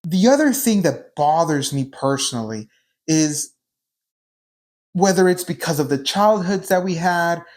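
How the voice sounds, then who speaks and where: A man's voice: fairly high pitch, expressive, a little slow. A man in his thirties hosting a solo motivational podcast, earnest and repetitive, firing off rhetorical questions to his listeners. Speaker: podcast host.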